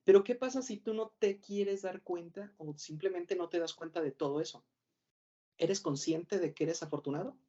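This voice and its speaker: A man's voice: high-pitched, moderate pace, mellow. A man with a Mexican Spanish accent giving a mock lecture to a class as a professor. He rambles, corrects himself and fires off rhetorical questions. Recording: dull lo-fi recording.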